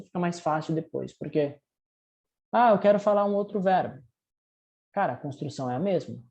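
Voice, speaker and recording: Drill sentences are read slowly and clearly by an English teacher with a Brazilian Portuguese accent in a recorded language lesson. The teacher explains grammar patiently, step by step, checks in with students frequently, and speaks in a warm, medium-pitched voice.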